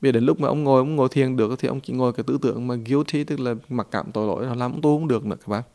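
A male Buddhist teacher gives a storytelling dharma talk, speaking folksy and directly to his listeners. His voice is gravelly. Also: medium pitch, darkish tone.

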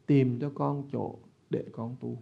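A man's voice: medium pitch, fairly even intonation, slow pace, vocal fry, slightly rough, full character voice. A man voicing a humble ghost that pleads with its master for a place to practice, meek and respectful, on a slightly dull recording. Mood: pleading. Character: humble pleading spirit, twenty lives a ghost.

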